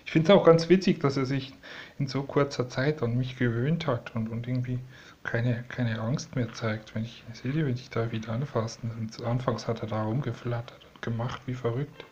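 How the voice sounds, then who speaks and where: A man talking softly and doting to a young sparrow he is raising, coaxing it and explaining to viewers in a casual home video. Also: medium pitch, fairly even intonation, moderate pace, dull audio, slight background noise. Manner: coaxing, soft and doting, often dropping to a whisper. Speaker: vlogger raising a rescued sparrow. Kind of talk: casual talk to a bird and viewers. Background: sparrow chirping.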